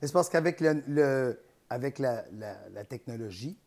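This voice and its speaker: A man's voice: mid-range voice, lively intonation, normal speed, darkish tone. A man with a Quebec French accent, a guest on a comedy podcast, telling rambling, self-mocking stories in casual chat.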